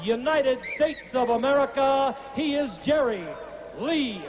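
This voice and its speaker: A man working as a boxing ring announcer, giving formal, showy introductions in a declamatory, drawn-out delivery over an arena PA. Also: very high-pitched, lively intonation. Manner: declamatory, drawn-out delivery of fighters' names and records. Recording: echoey arena PA, muffled, crowd noise.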